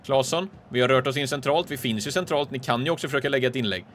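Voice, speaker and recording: A man from Sweden talks through a football video game in a relaxed let's-play manner. His voice sits at a middle pitch for a man. Calm running commentary breaks into sudden excited shouts during close chances. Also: slight background noise. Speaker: gaming channel host.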